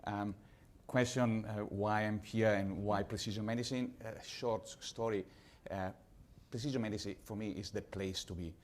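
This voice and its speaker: An Italian man with an Italian accent speaks on a conference panel as a pharmaceutical executive. His English is measured and a bit halting, and his voice sits on the low side with a steady tone.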